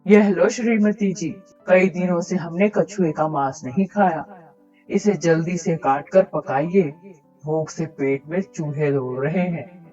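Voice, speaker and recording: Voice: medium pitch, unhurried, mellow, faint music behind, lightly acted. A performer voicing a greedy, meat-loving village farmer in a storybook cartoon, speaking gleefully. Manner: gleeful, boastful. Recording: dull, lo-fi recording.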